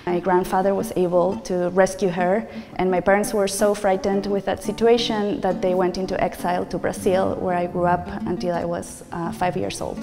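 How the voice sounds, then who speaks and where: A woman's voice: lowish voice, flat delivery, moderate pace, vocal fry, in a large hall, music in the background. A woman in her forties from Argentina, Spanish her first language, an artist speaking earnestly and reflectively about her work in a gallery. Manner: earnest, reflective, gestures as she talks. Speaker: visual artist. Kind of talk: gallery talk to camera. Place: large bright art gallery indoors.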